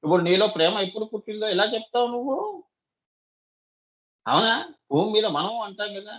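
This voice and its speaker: Guru man giving a spiritual talk, high voice, keeps asking listeners questions, bit dull lo-fi sound. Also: fairly quick. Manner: asks listeners rhetorical questions, addresses them as child. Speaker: spiritual teacher. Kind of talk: devotional discourse.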